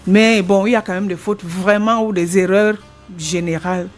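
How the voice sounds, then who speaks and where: With soft music behind her, this woman in her sixties talks at a moderate pace in a medium-pitched, fairly even voice. A retired language teacher with a Cameroonian French accent, she responds to an interview in an earnest, explanatory way, often starting her phrases over.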